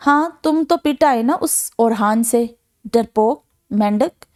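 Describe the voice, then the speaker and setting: A man's voice: very high-pitched, darkish tone. A woman voicing an angry, vengeful young man from a novel, bitter and scornful in manner.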